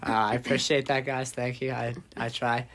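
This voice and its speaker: A man's voice: mid-range voice, little pitch movement, normal speed, fairly bright tone. A young man, a podcast guest, giving easygoing and thoughtful answers in casual chat. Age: young adult.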